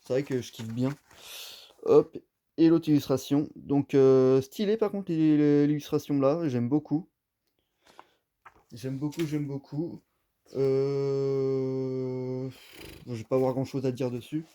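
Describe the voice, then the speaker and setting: A man talks through an unboxing in a casual, rambling way, full of fillers and little asides. His voice is very mellow and dark, at an ordinary pitch for a man. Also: steady tone, slow, pauses often. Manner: rambling, filler-heavy, chatty. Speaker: unboxing vlogger. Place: at home.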